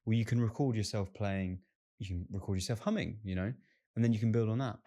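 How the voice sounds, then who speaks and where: A young musician with a fairly low voice, making his case bluntly and insistently in a relaxed interview. He repeats his point firmly until it lands. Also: quick pace. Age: 20s. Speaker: band singer. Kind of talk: casual interview chat.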